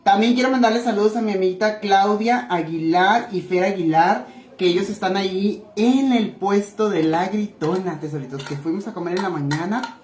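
A woman chatting warmly with viewers while cooking in her home kitchen, calling them little treasures. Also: medium pitch, moderate pace. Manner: chatty and affectionate, calls viewers "tesoritos". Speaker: cooking vlogger. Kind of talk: casual cooking chat to viewers. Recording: echoey room with faint noise.

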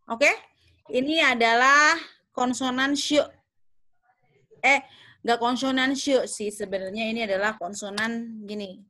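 Young female teacher, slightly raised pitch, patient, self-correcting, checks in often. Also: steady tone, measured pace, long pauses, bright, forceful tone. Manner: thinks aloud with fillers and self-corrections. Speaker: English teacher. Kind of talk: online class explanation.

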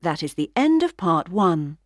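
A woman reading scripted exam instructions as an announcer, measured and carefully enunciated. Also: on the low side, very animated, no room sound, clean studio sound. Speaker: test announcer.

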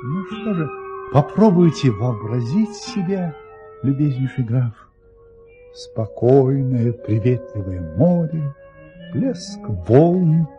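An actor playing a suave, boastful baron telling tales in an audio play, with a courtly, florid and theatrical manner. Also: male voice, medium pitch, sing-song, slow, highs cut off, over music. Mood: storytelling. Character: suave, boastful gentleman baron, obliging storyteller adventurer.

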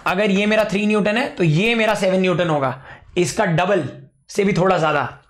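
Hoarse, high-voiced male teacher. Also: moderate pace, echoey room. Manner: chatty, informal, addresses the student directly and bluntly. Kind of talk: casual online physics lecture.

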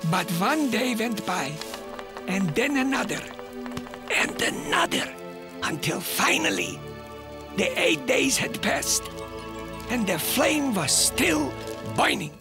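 Fussy, sharp-tongued old grandfather. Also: extremely high pitch, sing-song, slow pace, long pauses, over music, exaggerated voice. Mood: storytelling. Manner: scolding, fussing. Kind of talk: cartoon voice acting.

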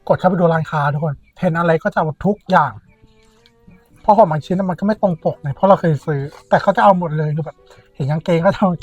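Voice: mid-range voice, a little mellow, breathy edge. A food vlogger and host chatting casually and informally, speaking straight to followers. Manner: informal, chatty, addresses viewers directly. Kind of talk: casual mukbang chat to followers. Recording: dull, lo-fi sound with background music.

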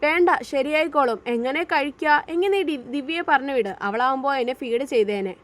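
A woman's voice: sits high, normal speed, close to an everyday voice. A woman voicing a brusque, teasing young husband in an audio story, speaking in short commands. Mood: commanding.

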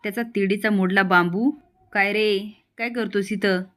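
A sharp-tongued old village grandmother, as a woman storyteller puts her on, blunt and scolding. She speaks at an ordinary pitch, with rustic, cutting turns of phrase. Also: steady tone, moderate pace, natural voice. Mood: sharp, indignant.

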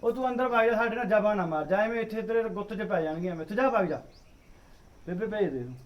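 Drunk punjabi husband, loud and bossy, talks fast. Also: male voice, high-pitched, animated. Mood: angry. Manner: loud, quarrelsome, slurring drunk. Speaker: drunk husband arguing with wife and mother.

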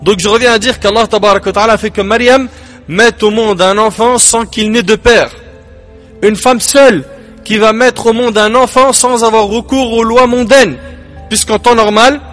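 A male preacher giving a sermon in French, emphatic, with rises and dramatic drops and pauses. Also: high-pitched, steady tone, fairly bright tone, soft background music. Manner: emphatic, rising and falling delivery with dramatic pauses.

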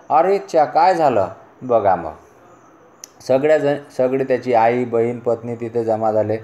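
A man's voice: medium pitch, dark tone, highs cut off. A male schoolteacher with a Marathi accent, explaining a story lesson to a class in a patient way, often asking the class rhetorical questions. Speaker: teacher.

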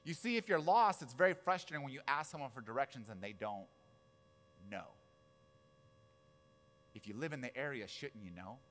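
A man's voice: mid-range voice, animated, normal speed, long pauses, a bit bright, slight background noise. A man in his forties, a pastor preaching a casual sermon, telling stories with asides and questions to the audience. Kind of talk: conversational sermon.

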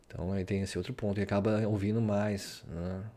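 A man's voice: lowish voice, flat delivery, a little fast, mellow. A man from Brazil talking casually about his study routine while sharing his screen, rambling and tagging "né?" onto many sentences. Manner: rambling, full of "né?" tags. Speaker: vlogger. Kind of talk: casual screen-share talk.

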